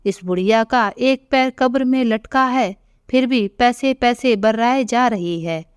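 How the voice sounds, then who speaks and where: A woman's voice: fairly high pitch, measured pace, clean tone, no room sound, studio quality, natural voice. A woman voicing a scornful, cruel daughter-in-law in an audio story. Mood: sneering. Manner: sneering.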